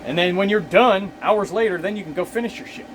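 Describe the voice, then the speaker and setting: A man's voice: high-pitched, brisk, slight background noise. A man, a delivery driver, talking to camera in a casual, exasperated, profanity-heavy rant. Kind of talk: casual ranting monologue.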